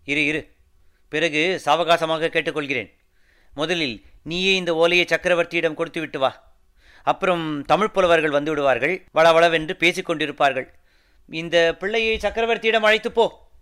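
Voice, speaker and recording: A man's voice: sits high, bright, forceful tone, smooth, pitched above the performer's own voice. A man voicing a stern, proud middle-aged fortress commander who talks in a brusque, commanding way. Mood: eager, commanding. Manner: brusque, commanding, quick to suspicion.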